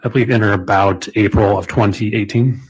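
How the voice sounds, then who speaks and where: Man, witness testimony, courtroom recording, low pitch, husky, matter-of-fact. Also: steady tone, a little fast, rough recording. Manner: brief, matter-of-fact answers. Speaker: witness, federal special agent.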